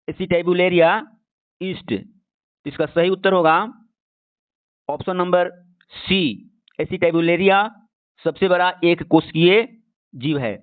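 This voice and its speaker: A man teaching a science quiz, methodically reading out multiple-choice questions and explaining the answers, repeating key phrases. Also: sits high. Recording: narrow-band, phone-like sound.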